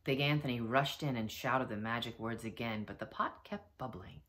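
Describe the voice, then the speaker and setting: A teacher reading a children's picture book aloud, with expressive storytelling. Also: female voice, very deep voice, normal speed, slight background noise. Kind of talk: children's read-aloud narration.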